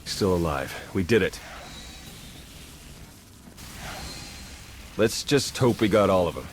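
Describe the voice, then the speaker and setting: A low-pitched, down-to-earth game-drama agent. He is wry and protective, talking in casual clipped phrases, with faint noise behind him. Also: lively intonation, moderate pace. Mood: wry relief. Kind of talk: video game cutscene acting.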